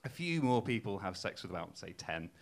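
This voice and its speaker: In a low, sing-song voice and at a fairly quick pace, a young Geordie man from Newcastle, England, works a live stage while the audience laughs. His comedy is casual and self-mocking, delivered hesitantly with plenty of ums.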